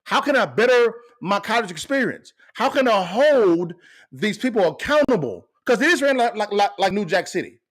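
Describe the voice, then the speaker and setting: High, lively man ranting on a podcast. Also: moderate pace. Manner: fired-up, asks the same questions again and again. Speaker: podcast host. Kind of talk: impassioned commentary.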